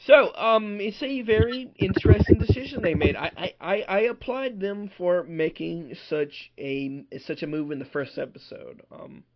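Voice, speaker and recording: A man on a podcast who keeps affirming his partner and then adds his own points, with a voice on the higher side. The recording sounds dull and lo-fi. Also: lively intonation, moderate pace, hardly any pauses. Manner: agreeable, frequent "right, right" affirmations. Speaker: podcast co-host. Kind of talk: casual chat. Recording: dull lo-fi audio.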